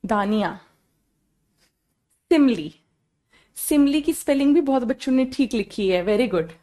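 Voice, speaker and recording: Slow high-voiced woman teacher. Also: animated, dark tone. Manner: explains slowly, mixing Hindi and English, asks students questions. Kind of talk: online exam-prep class.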